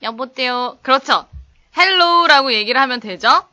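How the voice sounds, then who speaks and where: Bubbly, bright-voiced woman teaching English live. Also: animated, unhurried. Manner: playful, laughing, acts out little skits in exaggerated high voices. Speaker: English instructor hosting a live stream. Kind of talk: casual live-stream English lesson, reading chat.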